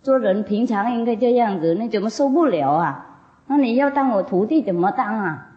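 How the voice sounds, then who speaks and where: A woman voicing a calm male spiritual master who speaks gently and patiently. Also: a little high, normal speed, natural voice. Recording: dull lo-fi recording.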